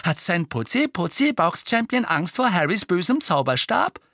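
A man's voice: sits high, big pitch swings, normal speed, pushed and bright, no room sound, pitched above the performer's own voice, exaggerated voice. A man doing a sarcastic teenage boy. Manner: dry mocking sarcasm.

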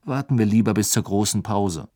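A man voicing a calm, sensible teenage boy in an audiobook, speaking matter-of-factly. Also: on the low side, brisk, dry recording, clean studio sound, lightly acted. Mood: dry.

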